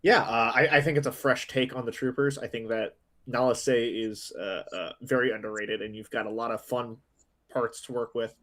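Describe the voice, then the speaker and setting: Male panel judge, mid pitch, halting delivery. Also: fairly even intonation, a bit bright. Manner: hesitant, many uhs. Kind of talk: casual chat.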